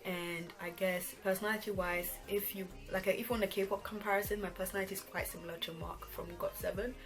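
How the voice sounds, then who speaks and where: A 21-year-old vlog host, born in Ghana and living in England since age twelve, chats casually with her audience. She talks fast in a medium-pitched voice with fairly even intonation, while R&B pop music plays beneath her.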